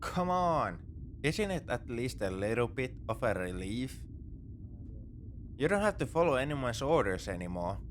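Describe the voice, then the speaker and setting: In a second-person sci-fi ASMR roleplay, a man plays a morally grey space pirate captor, coaxing the listener in a casual, wry, playful and encouraging way. His mid-range voice swings widely in pitch at a measured pace, with a little hiss or hum underneath.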